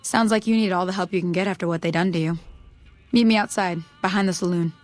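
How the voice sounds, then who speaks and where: A woman's voice: fairly low pitch, steady tone, fast, close to an everyday voice. A woman doing a tough friendly frontier woman. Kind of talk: video game dialogue.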